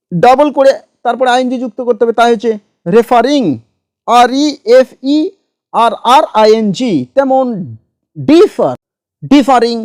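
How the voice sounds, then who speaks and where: A woman with a high voice walks through grammar rules one step at a time, spelling each example word letter by letter. She is recorded close to the mic in a dry room with no echo. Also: darkish tone. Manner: slow, methodical, spells words letter by letter. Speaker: English grammar teacher. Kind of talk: grammar lesson.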